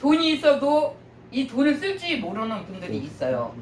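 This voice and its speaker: A woman's voice: high-pitched, huge pitch swings, normal speed, a little hiss or hum. An older woman pastor preaching in a chatty way, often asking the congregation questions and laughing. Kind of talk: sermon. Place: church sanctuary. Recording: echoey church from a distance.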